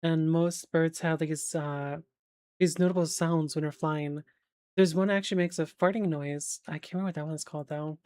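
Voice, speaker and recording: Low-voiced woman rambling on stream. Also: fairly even intonation, normal speed, mellow. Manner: rambling, filler-heavy, swearing, checks facts aloud. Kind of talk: casual stream chat.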